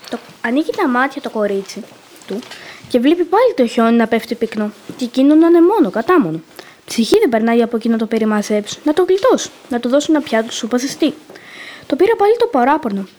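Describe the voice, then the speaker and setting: A woman's voice: sits high, a little mellow. A woman telling a folk tale dramatically, speaking straight to her listeners. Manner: dramatic, addresses listeners directly. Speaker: storyteller. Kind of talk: expressive folk tale reading.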